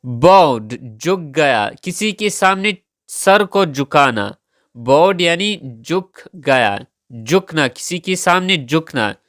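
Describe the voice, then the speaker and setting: A man's voice: a little high, animated, slow pace, fairly bright tone, dry recording, studio quality. A man teaching English vocabulary, saying each word several times and spelling it out letter by letter. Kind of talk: slow vocabulary lesson, spelling words letter by letter.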